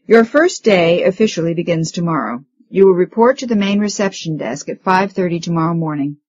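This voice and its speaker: A woman voicing a middle-aged male hospital chief who lectures new residents in a brisk, authoritative way. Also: on the low side, a little mellow, lo-fi sound, close to an everyday voice. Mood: stern.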